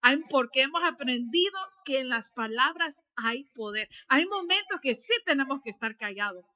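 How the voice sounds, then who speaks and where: High bright animated woman preacher. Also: normal speed. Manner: animated preaching, rising to shouts and dropping to soft asides; frequent tag questions to the congregation. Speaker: pastor. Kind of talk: sermon. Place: church.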